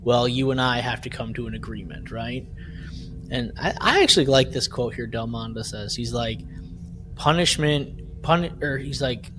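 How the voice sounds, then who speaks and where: A podcast co-host casually recaps an audio drama, retelling scenes and frequently checking his points with "right?" He speaks at a normal speed in a mid-range voice, with background noise behind him.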